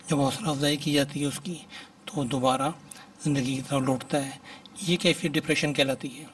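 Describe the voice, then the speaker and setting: A man teaching English expressions in a lecture, reading each phrase slowly and then explaining it. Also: fairly high pitch, a bit bright, distant mic.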